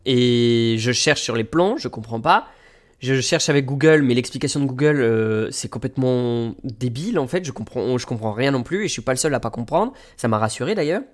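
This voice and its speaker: A man streaming, casually telling a story to his chat and acting out the people he met. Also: normal speed. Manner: animated, acts out quoted people with jumps in pitch.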